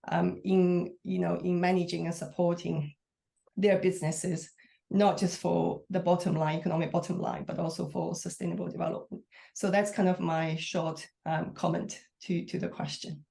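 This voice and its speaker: Hoarse, gravelly-voiced woman panelist. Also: lowish voice, mellow. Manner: hesitant, many fillers. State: hoarse after recent illness. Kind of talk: panel discussion remarks.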